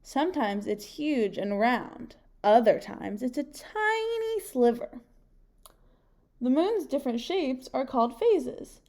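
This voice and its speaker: A young woman, a teacher, reads a picture book aloud to children in a home kitchen, pausing to ask her listeners questions. Her voice is high and mellow, and her pace is slow, yet she sounds very animated.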